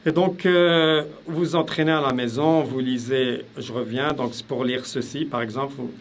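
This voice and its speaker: A man's voice: mid-range voice, steady tone, normal speed, a little hiss or hum. A man teaching a casual spoken lesson, explaining step by step and repeating sounds aloud with frequent hesitations. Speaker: language teacher.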